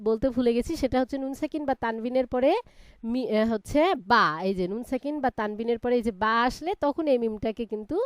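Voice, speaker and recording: A woman's voice: fairly high pitch, clear, resonant tone, no room sound, studio quality. A woman teaching a live Quran reading class, spelling out letters one by one and patiently explaining the reading rules.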